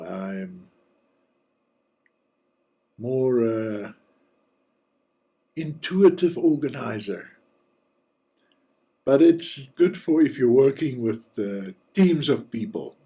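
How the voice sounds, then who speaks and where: A man hosting a casual screencast walkthrough of software, thinking aloud and dropping relaxed joking asides. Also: medium pitch, husky. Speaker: software reviewer and channel host.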